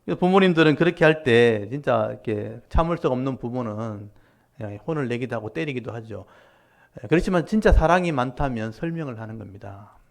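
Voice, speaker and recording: A man, a pastor, preaching a sermon and explaining scripture to his congregation in a direct, conversational way, with lively rises and falls for emphasis. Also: mid-range voice, a little fast, creaky. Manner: animated preaching with rising and falling emphasis. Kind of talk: Korean Wednesday-service sermon.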